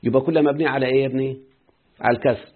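A man's voice: mid-range voice, steady tone, very fast. A man with an Egyptian accent teaching an Arabic grammar lesson and often quizzing his students. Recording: muffled phone-like lo-fi audio.

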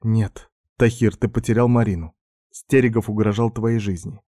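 A man's voice: fairly low pitch, fairly even intonation, moderate pace, dark tone, no echo, studio quality, pitched above the performer's own voice, close to an everyday voice. A man voicing a composed, clever young woman doctor who explains things in a level, matter-of-fact way in an audiobook. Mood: explaining.

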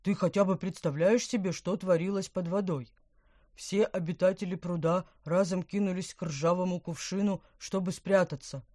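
A fat, fussy old carp gurgles out his grievances in a storybook voice, performed by a woman reading. He speaks loudly and indignantly, stammering when upset, and the voice sounds dry and close. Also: on the low side, fairly even intonation, moderate pace, dry recording, natural voice. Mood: scolding. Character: fat fretful old male carp, blustering.

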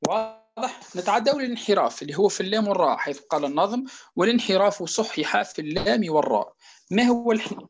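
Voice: mid-range voice, slightly rough. A tajweed teacher with a Tunisian Arabic accent explains a lesson and keeps checking the class with short questions. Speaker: Quran recitation teacher.

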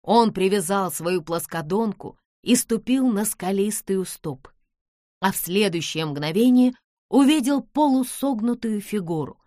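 A woman reading an audiobook in steady storytelling narration. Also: mid-range voice, unhurried, no echo, clean studio sound. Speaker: audiobook reader.

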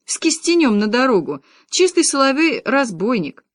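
A woman voicing a laid-back young policeman who gives calm, unhurried orders in an audiobook. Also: high-pitched, no room sound, voice pushed up. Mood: lazy commanding. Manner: lazy, calm, commanding.

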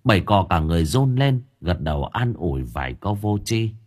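Casting: male audiobook narrator, low and husky, lively intonation. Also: fairly quick. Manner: expressive, varied intonation. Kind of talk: storytelling narration.

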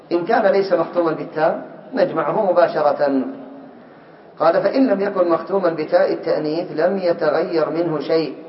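A man teaching a class in a fairly high voice. He reads a text aloud slowly, then explains it and quizzes his students. The recording is dull and lo-fi, with a roomy echo. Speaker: teacher of Arabic morphology.

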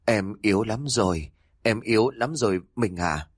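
A frail, dying wife murmurs her last wishes faintly, voiced by a male storyteller. The voice stays low and soft rather than high. It sits dry and close to the mic. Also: expressive, normal speed, breathy edge, no room sound. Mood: weak. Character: dying middle-aged wife, faint, whispering weakly.

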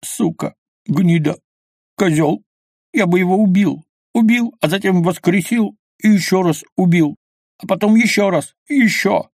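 A man voicing a hot-tempered, kindhearted young man who shouts insults loudly in a raised voice. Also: moderate pace, hardly any pauses, no room sound, studio quality. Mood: sobbing fury. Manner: shouted insults, loud and high.

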